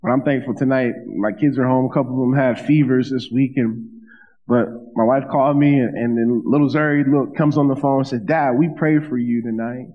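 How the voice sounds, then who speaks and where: A man's voice: mid-range voice, steady tone, fairly quick. Pastor guy in his 30s preaching at a pulpit, chatty asides, big echoey church hall, kinda dull audio. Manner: conversational preaching with asides and repeated phrases. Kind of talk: sermon. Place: church stage at a wooden pulpit. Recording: dull sound with long hall reverb.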